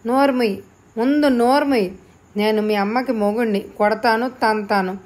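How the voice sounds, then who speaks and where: A woman's voice: medium pitch, moderate pace, close to an everyday voice. A woman voicing a domineering, bullying father who scolds and barks orders in an audiobook. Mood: angry. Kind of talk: audiobook character reading.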